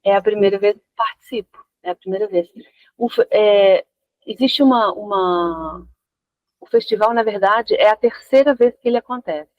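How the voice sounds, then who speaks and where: Argentine-born woman, 50s, relaxed interview guest with restarts, dull dry audio. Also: medium pitch, normal speed, no echo. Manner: relaxed, searching for words with restarts. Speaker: guest dancer. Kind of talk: casual interview.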